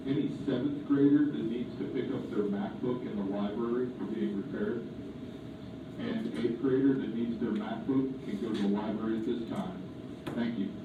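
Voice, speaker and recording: A man making a polite, formal announcement over a school intercom loudspeaker. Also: medium pitch, steady tone, moderate pace, noisy background. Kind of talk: public address announcement. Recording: echoey lo-fi intercom heard from far off.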